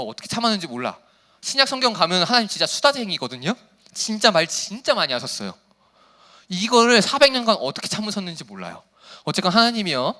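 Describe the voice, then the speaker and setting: A youth pastor giving a sermon to teenagers, casual, playful and slangy, who reads scripture quietly and then preaches animatedly. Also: male voice, sits high.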